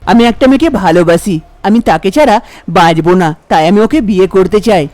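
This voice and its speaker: A woman's voice: mid-range voice, expressive, fast talker, darkish tone, no echo, natural voice. A woman voicing an anxious young man in a cartoon, pleading and worried.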